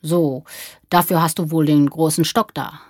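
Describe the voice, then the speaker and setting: A woman voicing a kind older man who talks softly and coaxingly to a child. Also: sits low, steady tone, unhurried, dry recording, studio quality. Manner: soft, coaxing, kindly. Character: gentle older man with crooked legs.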